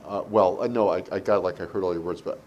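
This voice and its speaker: A man speaking as a board member in a meeting, thinking aloud and haltingly as he questions a presenter. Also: steady tone, darkish tone, lo-fi sound. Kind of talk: meeting discussion. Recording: low background noise in a meeting.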